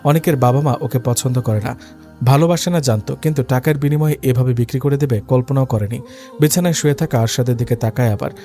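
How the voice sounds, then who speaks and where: A man narrating a dramatic story in a steady, scripted reading. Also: medium pitch. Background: faint background music.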